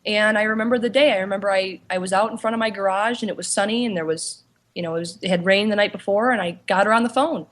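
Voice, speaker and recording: Halting woman telling a story in an interview. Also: mid-range voice. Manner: halting, with frequent "you know" and restarts. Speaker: interview guest, paranormal investigator and author.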